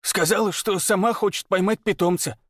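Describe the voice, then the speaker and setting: A man voicing a gruff grown mercenary who barks defensive answers. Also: high-pitched, fairly even intonation, normal speed, dry recording, clean studio sound, pitched above the performer's own voice. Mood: muttering. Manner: defensive, barking.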